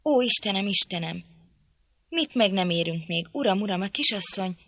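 A woman's voice: mid-range voice, lively intonation, sharp tone, no room sound. A woman voicing a frantic young servant girl who blurts out news in a breathless, stammering rush. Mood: panicked. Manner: breathless, panicky.

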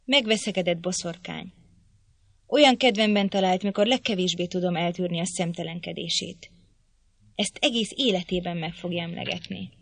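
A woman voicing a furious, domineering middle-aged man who shouts threats, in an audiobook reading. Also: on the low side, creaky, no echo. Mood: raging.

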